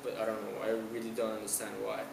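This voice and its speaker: In a lowish, creaky monotone, a young man from Iran talks fast as he answers questions in a casual interview outdoors. He hesitates, restarting and filling gaps often, while standing on an island near a city. The recording is distant, roomy and noisy outdoor camera audio.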